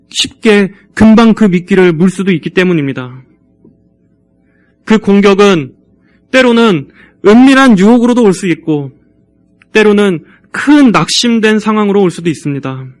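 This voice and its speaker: A man preaching a sermon in a church, his voice pitched high and ringing smooth and clear. He exhorts the congregation earnestly, at a measured pace. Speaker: pastor.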